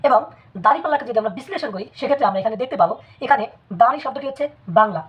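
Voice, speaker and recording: A woman teaching a spelling lesson in a measured way, repeating words for emphasis. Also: a little high, a bit bright, slightly rough. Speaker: language teacher. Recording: dull lo-fi recording.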